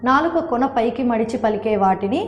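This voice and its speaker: A woman's voice: a little high, lively intonation, muffled recording. Teacherly woman in an echoey room. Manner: repeats key terms slowly and addresses viewers as friends. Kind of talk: exam-prep grammar lesson. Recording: echoey room with long reverb.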